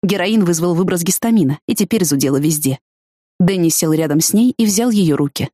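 A woman reading a first-person audiobook narration in an even, measured storytelling manner. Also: fairly low pitch, dry recording, studio quality.

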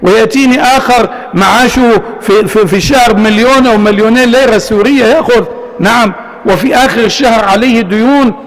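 A male preacher delivers a fervent sermon in a high voice. He speaks quickly and keeps repeating his key phrases for emphasis. The sound rings with the long reverb of a large hall. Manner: fervent, exhorting, with emphatic repetition.

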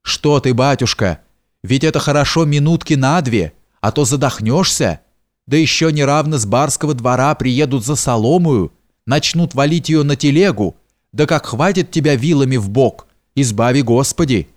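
Male narrator doing an old house steward: homely, coaxing, unhurried, mid-range voice. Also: medium pitch, expressive, natural voice. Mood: fretting. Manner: homely folksy speech, slow and soothing. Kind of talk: audiobook character reading.

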